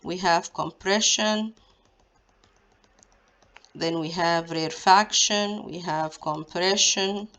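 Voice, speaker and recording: A woman explains exam questions at a very slow, deliberate pace. Her voice sits a little low. She teaches step by step and poses questions to her listeners before answering them herself. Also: a bit bright. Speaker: science teacher. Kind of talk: exam walkthrough lesson.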